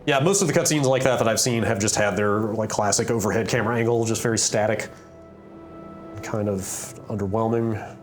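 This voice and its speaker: A man's voice: fairly low pitch, brisk. Wry man chatting over game music. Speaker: video game reviewer and host. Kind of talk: casual chat commentary over gameplay.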